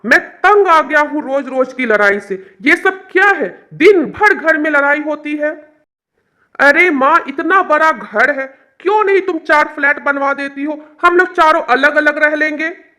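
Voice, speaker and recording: A woman's voice: high-pitched, sharp tone, exaggerated voice. A woman voicing an irritated grown son who is fed up with family quarrels. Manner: exasperated, demanding.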